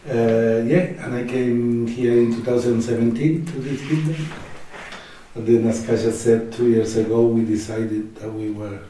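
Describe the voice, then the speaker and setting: Very dark-voiced man from Argentina. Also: medium pitch, moderate pace. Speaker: cooperative resident. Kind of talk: interview, casual talk. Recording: echoey room from far off, faint noise.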